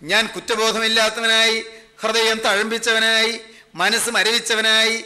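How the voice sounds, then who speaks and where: Bright-voiced preacher, earnest. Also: male voice, sits high. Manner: earnest, repetitive preaching in prayer-like refrains. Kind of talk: sermon.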